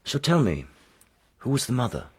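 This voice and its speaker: A man's voice: medium pitch, sing-song, moderate pace, darkish tone, slightly rough. An actor playing a brusque, commanding warrior king in a radio drama, curt and authoritative. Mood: questioning.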